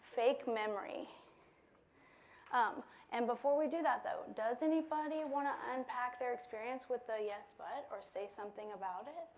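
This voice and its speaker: A woman leading an interactive workshop before a live audience, lively and playful, laughing often. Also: fairly high pitch, moderate pace. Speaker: workshop speaker. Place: lecture room with a live audience.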